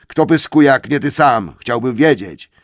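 A man voicing a hot-tempered male troll who yells rude insults. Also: medium pitch, normal speed, no room sound, studio quality, pitched above the performer's own voice, natural voice. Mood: angry. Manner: yelling insults.

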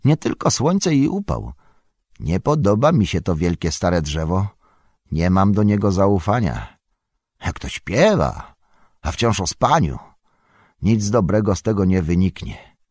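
A man's voice: sits low, big pitch swings, measured pace, a little mellow, slightly rough, dry recording, clean studio sound, exaggerated voice. A man voicing a sturdy young male hobbit, suspicious and stubborn, in a storybook reading. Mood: uneasy. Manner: suspicious and fiercely loyal.

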